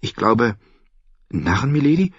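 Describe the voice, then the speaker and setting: A man's voice: medium pitch, big pitch swings, a little slow, slightly rough, pitched above the performer's own voice. A man voicing a shy, polite young noble girl. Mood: polite timid. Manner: polite, timid. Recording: dull, dry audiobook recording.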